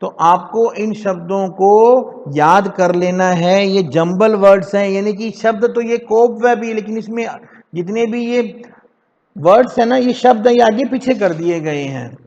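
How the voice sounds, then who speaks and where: Slow, high-voiced male teacher drilling words. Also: darkish tone, dull audio. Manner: repeats words slowly for pupils to echo. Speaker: English teacher. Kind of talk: classroom lesson for children.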